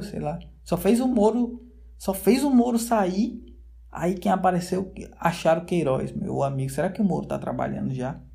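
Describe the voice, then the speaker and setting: A man's voice: on the high side, vocal fry, dark tone. A man talking straight to his viewers in a casual, rambling monologue, full of slang fillers and loose tangents, recorded indoors at home. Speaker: vlogger.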